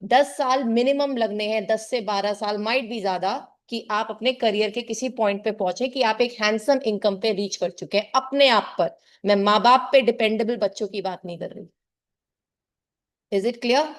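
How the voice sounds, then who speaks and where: A woman's voice: on the high side, normal speed. A middle-aged woman tutor giving an earnest motivational talk to her class and calling her students "child.". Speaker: tuition teacher.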